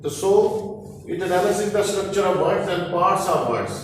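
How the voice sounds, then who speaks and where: High-voiced male teacher, echoey room. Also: lively intonation, slight background noise. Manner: explains slowly, repeating key terms, mixing English with Hindi-Urdu. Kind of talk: classroom lecture on linguistics. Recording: very echoey room, heard from a distance.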